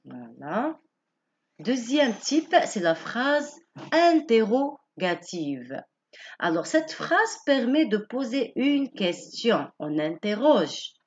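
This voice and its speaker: A woman teacher gives a grammar lesson at an unhurried pace, her voice rising and falling in a lively way. She is patient and repeats each point in other words. The recording sounds dull and lo-fi. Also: fairly high pitch. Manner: patient, explains slowly with many rephrasings.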